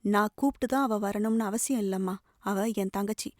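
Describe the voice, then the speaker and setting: A woman's voice: medium pitch, moderate pace, dry recording, studio quality, close to an everyday voice. A woman reading the part of a young man, a tender, protective elder brother pleading earnestly. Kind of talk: audiobook novel reading.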